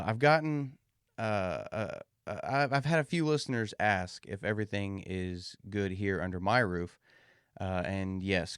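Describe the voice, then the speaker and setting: A man's voice: on the low side, smooth, no room sound, studio quality. A man hosting a solo podcast in an informal, folksy way, talking to listeners with a slightly muffled, swollen-mouth sound. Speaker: podcast host.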